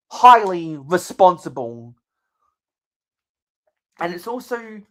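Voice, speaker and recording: A young channel host with a mild Australian accent chats casually on a livestream, measured and halting, circling back on his own phrases. His voice is on the high side, bright and forceful.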